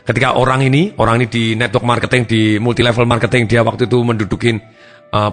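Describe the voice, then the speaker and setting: A man giving a self-help talk as a therapist, acting out his client's words in animated shifting voices. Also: mid-range voice. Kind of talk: motivational talk with acted anecdotes.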